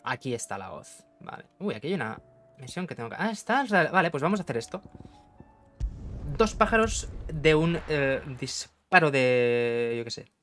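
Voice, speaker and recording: A man's voice: medium pitch, very animated, normal speed, fairly bright tone, faint music behind. A man with an accent from Spain giving jokey, casual let's-play commentary, talking to the screen and swearing freely. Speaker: gaming streamer.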